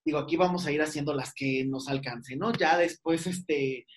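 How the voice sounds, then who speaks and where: A man's voice: a little high, moderate pace. A man with a Mexican accent hosting a podcast interview, talking in a chatty, rambling way and laughing often. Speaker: podcast host. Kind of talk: casual interview chat.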